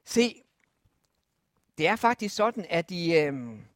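A preacher telling a Bible story to children, lively and asking the listeners questions. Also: medium pitch, no room sound.

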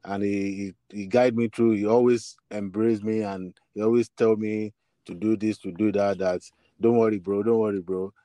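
A warm, fairly low male voice with a steady tone and moderate pace, recorded without echo. The speaker, a Nigerian-accented bassist and singer, answers an interviewer and shares personal anecdotes. He tends to hesitate and repeat words as he works out what to say.

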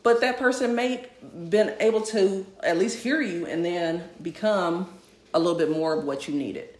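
A woman's voice: lowish voice, normal speed, roomy sound. A woman co-hosting a casual chat, speaking emphatically and addressing listeners directly. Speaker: podcast co-host.

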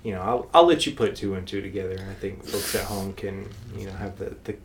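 A man with a lowish voice talks through a casual podcast chat, wandering through his points with plenty of "you know" and "um". There is a faint hiss of background noise on the recording. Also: fairly even intonation, quick pace. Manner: rambling, many fillers and restarts. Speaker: podcast co-host.

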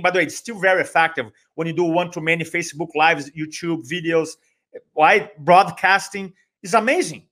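In a podcast interview, an energetic Brazilian guest who works as a speaker and trainer narrates his story with a Brazilian accent, Portuguese being his mother tongue. His slightly high voice has a bit of brightness, and he doubles up words for emphasis while acting out small bits of dialogue.

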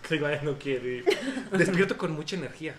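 A young Mexican man chatting casually, telling stories with lively acted-out quotes. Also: fairly high pitch, fast, crowd noise. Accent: Mexican Spanish. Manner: animated storytelling, acting out quotes. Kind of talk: casual podcast chat.

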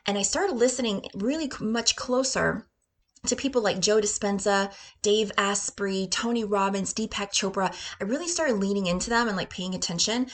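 A woman's voice: medium pitch, normal speed. A woman in her forties, a health coach hosting her own show, talks in a bubbly, upbeat way and laughs often while promoting her program. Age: 40s. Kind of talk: casual promotional monologue.

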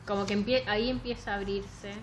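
A young Rioplatense woman with a mid-pitched voice, chatting in a relaxed way with slang and teasing asides. Faint noise sits in the background. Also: fast talker. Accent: Rioplatense Spanish. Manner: relaxed, joking, uses slang. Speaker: book discussion co-host. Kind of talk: casual chat.

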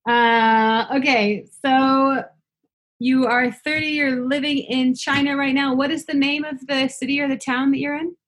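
A woman's voice: high voice, little pitch movement, a little slow. A woman interviewing a guest in a casual, encouraging way, with frequent fillers. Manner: friendly, encouraging, many fillers.

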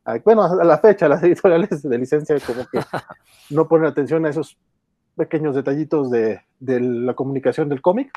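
Mellow-voiced Mexican man, rambling comic chat. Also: a little high, a little fast. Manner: rambling, many restarts and fillers, chuckles. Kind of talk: casual chat retelling a comic.

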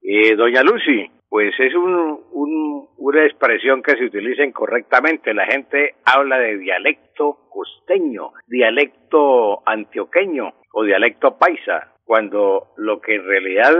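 A man's voice: mid-range voice, animated, measured pace, slightly rough. A man from Colombia, a language expert answering listener questions patiently and repeating key words. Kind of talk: radio call-in explanation. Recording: muffled radio broadcast audio.

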